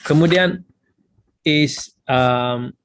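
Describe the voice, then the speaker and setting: A man's voice: a little high, extremely slow, smooth. A man with a Malaysian accent, a religious teacher explaining a book in a patient lecture, slipping English phrases into his talk.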